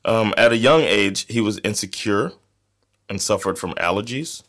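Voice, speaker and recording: Here a podcast co-host from the United States, a man with an American accent, recounts a story amid relaxed banter, laughing frequently. He speaks at a moderate pace in a lowish, fairly bright voice.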